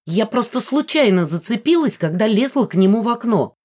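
A reader voicing a headstrong young woman with a raised, loud and indignant delivery in an audiobook. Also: mid-range voice, sing-song, a little fast, pitched above the performer's own voice. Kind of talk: audiobook character voice.

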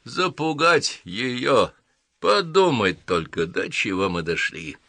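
A man's voice: on the low side, very animated, unhurried, bright, forceful tone, no echo, full character voice. A man reading an audiobook, voicing a sly and pompous male villain who talks in a fussy, indignant way.

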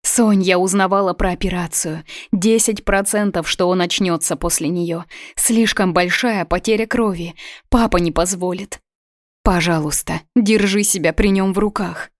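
A grieving middle-aged mother pleads in a trembling voice, as a woman reading the story gives her lines. The voice is somewhat low and close, with a dry sound. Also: fairly even intonation, moderate pace, dry recording, lightly acted. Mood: pleading.

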